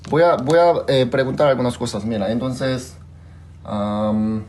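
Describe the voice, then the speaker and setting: Steady and unhurried, this Korean-accented man teaches a language class with a somewhat dark mid-range voice, and a faint hiss or hum sits under the recording. He goes over examples again and again, often asking if the students follow.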